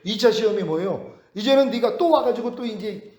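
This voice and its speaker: A man giving a sermon-style Bible lecture, animated, often chuckling and asking rhetorical questions. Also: sits high, moderate pace. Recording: roomy echo.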